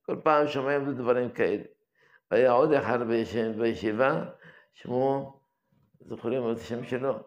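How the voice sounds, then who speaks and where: An older man, head of a yeshiva, giving a daily religious lesson and reminiscing in an unhurried, anecdotal way. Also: medium pitch, muffled recording.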